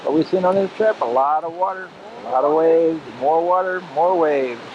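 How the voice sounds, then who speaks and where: A man with a slightly high voice, speaking at a moderate pace, keeps up casual, chatty commentary while shooting a home video on a foggy, rocky coast. He repeats himself with dry humor, and the built-in camcorder mic gives muffled audio dominated by loud surf and waves in the background.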